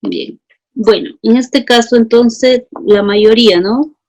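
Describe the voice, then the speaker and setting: Woman teacher with a gravelly voice, reading out student answers and pressing for justifications. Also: fairly high pitch, slow pace, darkish tone. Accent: Peruvian Spanish. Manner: calls students by name, asks for justifications.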